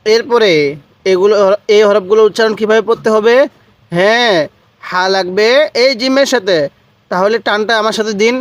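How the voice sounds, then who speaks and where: A man with a high voice patiently teaches Quran letter reading step by step, spelling out syllables and repeating them for the viewer. His tone is steady and his pace moderate, with long pauses in this recitation lesson.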